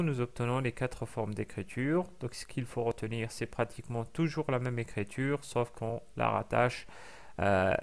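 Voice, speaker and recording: A man teaching a recorded language lesson, explaining patiently with many fillers and repeating example sounds slowly. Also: medium pitch, gravelly, clear, resonant tone.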